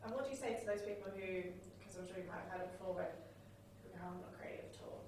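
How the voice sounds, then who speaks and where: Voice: medium pitch, rapid-fire, a little mellow, a little hiss or hum. An interview host who encourages the guest with short acknowledgements and questions. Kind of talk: conversational interview. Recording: roomy, distant from the mic.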